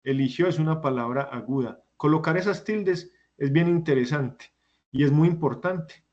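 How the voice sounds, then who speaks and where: Male teacher going over grammar slowly, bit higher voice, dull muffled sound. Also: a little mellow. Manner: patient, explains step by step, asks students questions. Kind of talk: online class lecture.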